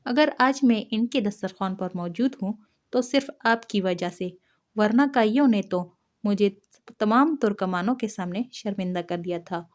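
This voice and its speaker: A woman's voice: mid-range voice, lightly acted. A woman voicing a resentful middle-aged noblewoman and mother who speaks bitterly. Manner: bitter, complaining.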